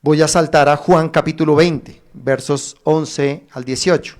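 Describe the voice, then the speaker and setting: A man pastor preaching a streamed sermon, addressing viewers directly with emphatic rises and pauses. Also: fairly high pitch, fairly even intonation, a little mellow. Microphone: streamed online service.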